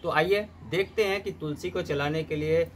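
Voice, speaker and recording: A man giving a steady, step-by-step gardening demonstration, often mixing English terms into his explanations. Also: fairly high pitch, normal speed, slight background noise. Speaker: gardening instructor.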